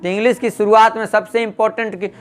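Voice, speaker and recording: A man's voice: high voice, flat delivery, fast talker, smooth. A man teaching an English grammar class in Hindi, drilling students with call-and-response questions. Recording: noisy classroom with crowd chatter. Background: students chanting answers, classroom noise.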